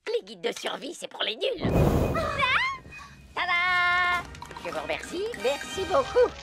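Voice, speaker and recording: Boastful male cartoon woodpecker, high voice, hugely animated delivery, reckless know-it-all, music loud behind. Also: slow pace, heavily acted. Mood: cocky, showy. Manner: boastful, theatrical, dismissive. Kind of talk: French cartoon dub acting.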